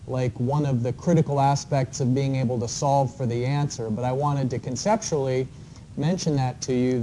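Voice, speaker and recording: A man lecturing to an engineering class in a mellow, unhurried voice, talking through a homework problem with plenty of fillers. Faint background noise sits under the recording of the live classroom. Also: on the high side, rough recording. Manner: relaxed, explanatory, with frequent fillers. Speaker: engineering professor.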